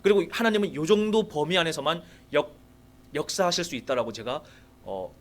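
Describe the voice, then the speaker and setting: A man's voice: a little high, a little fast. A man giving a sermon with a personal testimony in a church, telling his story with animation and turning to the congregation with questions. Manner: animated storytelling, acting out his own prayers; addresses the congregation directly with rhetorical questions. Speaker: guest preacher at a revival meeting. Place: church sanctuary.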